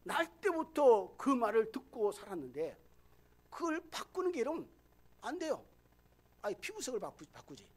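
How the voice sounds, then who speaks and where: High-voiced Korean pastor with a Busan lilt. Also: male voice, huge pitch swings, normal speed. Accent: softened Gyeongsang Korean. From Busan, South Korea. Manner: swings between loud emphatic lines and low, quiet asides; addresses the congregation directly, often saying "여러분". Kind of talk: sermon. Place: church sanctuary.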